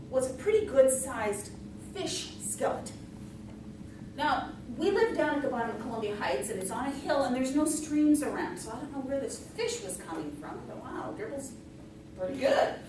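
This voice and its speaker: Middle-aged female storyteller, higher-pitched, folksy tall-tale delivery with tongue in cheek, captured in a very echoey room. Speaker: storyteller in a tall tales contest. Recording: echoey room from far off, noisy.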